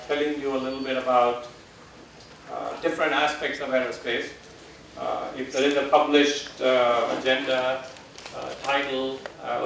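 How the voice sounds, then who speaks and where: A man giving a public lecture to students, relaxed and full of "uh" fillers, in a large hall. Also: mid-range voice, gravelly, a little hiss or hum. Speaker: guest lecturer. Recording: echoey hall, voice from far off.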